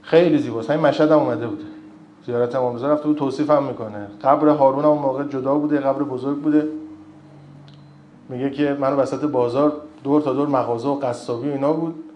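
A man's voice: mid-range voice, fairly even intonation, dull audio, slight background noise. A man giving an informal religious lecture, telling stories with joking asides and reciting old narrations in between. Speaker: religious speaker. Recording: roomy echo.

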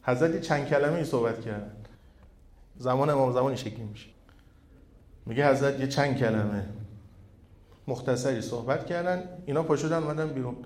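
Guy preaching a sermon on a mic, gets loud and fired up then goes quiet to tell a story, lots of echo, mid pitch. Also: pauses often. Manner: builds to loud, fervent peaks, then drops to a quiet storytelling tone. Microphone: microphone with echo effect. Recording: echoey hall sound.

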